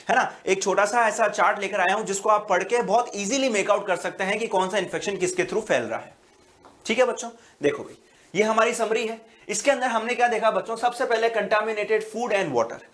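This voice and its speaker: A man's voice: sits high, fairly bright tone. A male biology teacher giving an exam-prep lecture, talking patiently to students and often checking that they follow. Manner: explains slowly, repeating "बच्चों" and "है ना" often; fills pauses with "अ" and restarts words.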